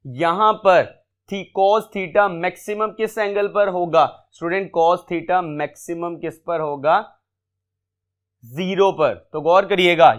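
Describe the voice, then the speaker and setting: High, smooth-voiced male physics teacher. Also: fairly bright tone. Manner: asks students questions then answers them himself. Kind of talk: entry test lecture.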